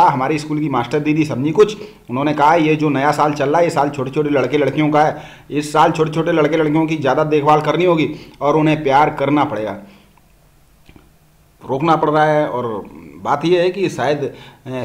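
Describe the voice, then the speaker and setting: A male teacher reading a textbook story aloud to pupils, acting out the dialogue and stopping to explain. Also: on the high side.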